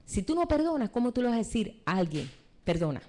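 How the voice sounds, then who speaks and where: A woman's voice: a little high, quick pace. A woman teaching a church seminar live, preaching with rhetorical questions and retelling stories from her own life. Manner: animated preaching with rhetorical questions and retold anecdotes. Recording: live stream recording.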